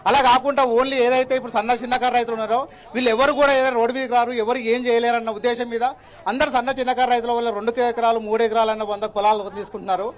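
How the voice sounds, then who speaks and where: Fast-talking farmer complaining outdoors. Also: male voice, very high voice, flat delivery. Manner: urgent, complaining. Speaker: affected farmer interviewee. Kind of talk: on-the-spot interview. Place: outdoor protest.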